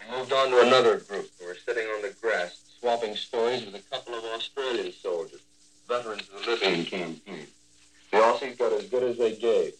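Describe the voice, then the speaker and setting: A man working as a radio war correspondent, reading his scripted news report in a measured, descriptive way. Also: lowish voice, a little hiss or hum, rough recording.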